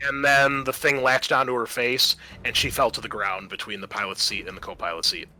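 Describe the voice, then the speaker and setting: Another game master session has a man narrating scenes and walking players through the rules over background music. He speaks briskly in a sharp, mid-range voice with little pitch movement, and the recording is low quality.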